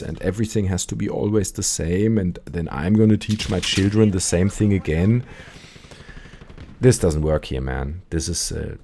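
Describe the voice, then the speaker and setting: A man's voice: low-pitched, darkish tone, a little hiss or hum. A man in his thirties with a German accent, German-born, hosting a call-in show and chatting while playing a video game, often breaking off mid-sentence to react to the game.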